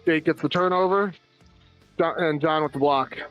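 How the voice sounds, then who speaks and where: An American man calls an amateur floor hockey game play by play, rattling off passes and shots with the odd dry joke. His voice sits a little high for a man. Faint music plays underneath. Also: fairly even intonation, dull audio. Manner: rapid running call of plays with dry asides. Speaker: play-by-play commentator. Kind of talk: amateur live sports commentary.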